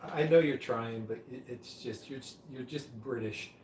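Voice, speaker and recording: A man hosting a casual live stream, dry and a little hesitant, with gentle teasing. His voice sits at an ordinary pitch. It is caught from across a reverberant room over a faint background hum. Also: normal speed. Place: pub room. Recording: roomy and distant, faint noise.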